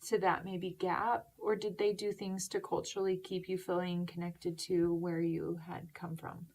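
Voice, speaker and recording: A woman's voice: on the low side, level tone, moderate pace, a little mellow. A woman hosting a talk show, encouraging her guest with follow-up questions. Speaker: host.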